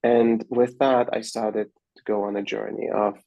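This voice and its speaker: A man from Austria, a guest on an interview show, telling his story in an earnest, measured and searching way. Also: fairly low pitch, level tone, creaky, warm tone, no echo, highs cut off.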